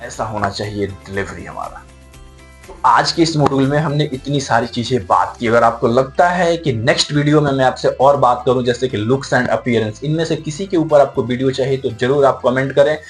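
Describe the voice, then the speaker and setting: Man, communication trainer, emphatic, mid-pitched, faint music underneath. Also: normal speed. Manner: emphatic, explains point by point in Hindi mixed with English. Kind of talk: lecture-style video lesson.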